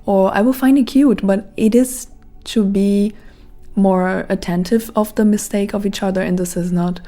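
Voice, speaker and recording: A woman in her thirties with a Brazilian Portuguese accent hosts a podcast as a casual, reflective monologue, rambling with many "like" fillers. Her voice is medium-pitched, warm and steady at normal speed.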